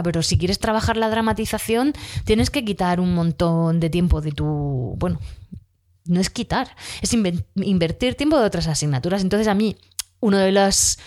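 A woman's voice: medium pitch, a little mellow. A woman teacher with a cough, chatting casually about a class and often correcting herself mid-sentence. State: has a cough. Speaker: school teacher. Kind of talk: casual spoken account of a class.

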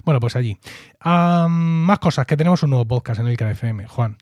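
A man's voice: mid-range voice, animated, moderate pace, a little mellow, dry recording. A man from co-hosting a podcast in casual chat, jokey and chatty, often restarting his words. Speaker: podcast co-host.

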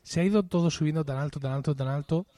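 A man's voice: on the high side, fast talker, mellow, no room sound. A man co-hosting a casual podcast chat, talking in an enthusiastic, chatty way and laughing often. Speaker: podcast co-host.

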